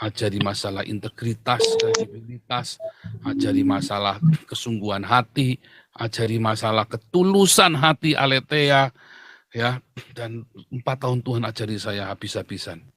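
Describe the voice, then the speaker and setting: A man's voice: fairly low pitch, normal speed, fairly bright tone, dry recording. A man, a pastor hosting a live stream, talks casually, jokes around and confesses his past with emotion. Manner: joking, then confessional and emotional. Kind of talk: casual preaching chat.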